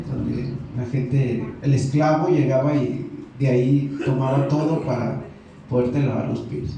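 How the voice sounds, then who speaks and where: Mexican pastor preaching in an echoey hall. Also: male voice, on the high side, a little hiss or hum. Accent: Mexican Spanish. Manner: animated storytelling, acting out the characters' lines. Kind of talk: sermon. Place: church hall. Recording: echoey hall, mic far off.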